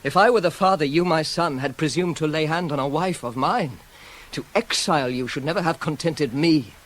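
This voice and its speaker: Playing a proud, restrained young prince mistreated by his father, the actor sounds outraged. The performance follows a formal, measured, declamatory radio style of classical tragedy, in a fairly high voice with a fairly bright tone.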